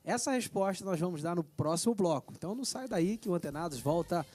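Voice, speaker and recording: Husky high-voiced male TV host. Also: expressive, fast talker, a little mellow. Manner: chatty, promotional, jokes lightly. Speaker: TV show host. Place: TV studio.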